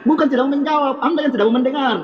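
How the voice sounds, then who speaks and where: A man's voice: extremely high pitch, steady tone, rapid-fire, in a large hall, lo-fi sound. A preacher arguing insistently in a heated debate, repeating his points. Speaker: Islamic preacher.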